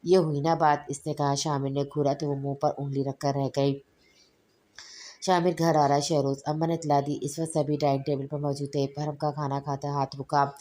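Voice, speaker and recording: A woman reading a romance novel aloud, halting, with frequent slips and restarts. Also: sits low, monotone, warm tone. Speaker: narrator.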